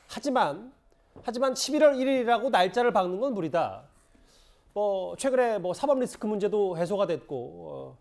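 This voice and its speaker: A man's voice: high voice, a little mellow. A man anchoring a televised news talk panel, summarizing what guests say and relaying reported facts. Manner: summarizes guests' points and reports the network's findings. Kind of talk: broadcast panel moderation.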